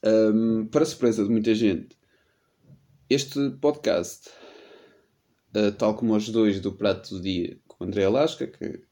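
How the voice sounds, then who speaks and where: His voice is fairly low and dark, a little slow, with frequent pauses. He's a European Portuguese man in his late twenties, recovering from a cold as he hosts a casual solo podcast full of rambling, slangy, self-deprecating stories.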